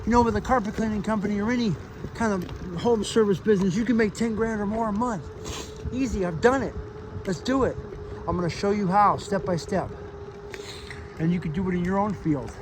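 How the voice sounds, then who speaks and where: A man's voice: high-pitched, a little fast. A man vlogging casually outdoors to his followers in an earnest, rambling, plain-spoken way, with a slight lisp from missing front teeth. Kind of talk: casual motivational vlog talk to followers. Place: outdoors on a bike trail, riding an electric bike. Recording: outdoors with loud wind and traffic noise.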